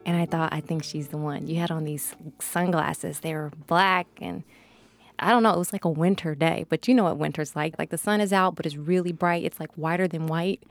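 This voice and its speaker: Woman, 30s, from Kansas City, gravelly, low-ish voice, chatty conversation. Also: steady tone, brisk, faint music behind. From Kansas City, Missouri. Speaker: interviewer. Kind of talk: casual conversation.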